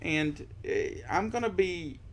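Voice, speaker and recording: Guy w a slightly high voice, earnest and halting, restarting thoughts on a church podcast chat. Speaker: discipleship ministry team member. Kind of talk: conversational podcast discussion.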